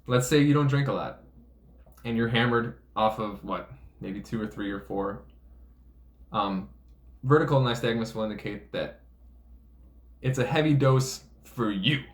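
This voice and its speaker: A man's voice: mid-range voice, a little slow, long pauses. A man speaking as a veteran police officer, giving casual explanatory commentary in a blunt, profane way. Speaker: police officer breaking down a DUI arrest video. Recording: roomy echo, faint background noise.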